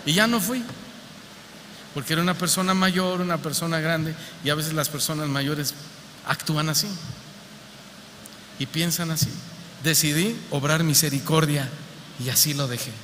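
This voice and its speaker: A pastor with a Mexico City accent preaches to his congregation in a conversational, humorous sermon full of rhetorical questions. His slightly high voice is bright and forceful, with fairly even intonation, normal speed and frequent pauses. The church hall adds long reverb over a faint background hum.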